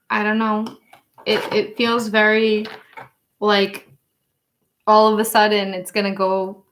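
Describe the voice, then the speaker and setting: A woman's voice: mid-range voice, fairly bright tone. Chatty laughing woman on a tarot livestream. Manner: rambling and chatty, with frequent laughs and fillers. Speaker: tarot reader and channel host. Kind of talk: casual livestream chat.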